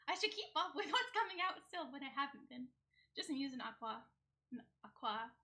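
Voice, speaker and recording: Bright, high-pitched woman streamer. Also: sing-song, a little fast. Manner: giggly, chatty; casually sweary. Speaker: streamer, singer. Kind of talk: casual livestream chat between songs.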